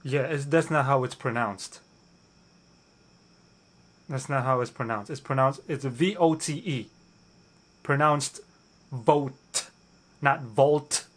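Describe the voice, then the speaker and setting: A man's voice: medium pitch, measured pace, pauses often, fairly bright tone. A man, an ex-pastor, reacting to a video and skeptically rebutting its claims, often repeating himself as he restarts. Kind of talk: reaction commentary.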